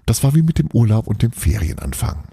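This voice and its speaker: A man reading a Christmas story aloud with a lively, expressive delivery. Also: on the low side, fairly quick, vocal fry, husky, no room sound.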